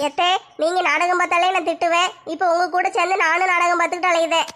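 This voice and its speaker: Woman playing a shrill, chatty daughter-in-law. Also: little pitch movement, quick pace, pushed and bright. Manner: curious, gossipy.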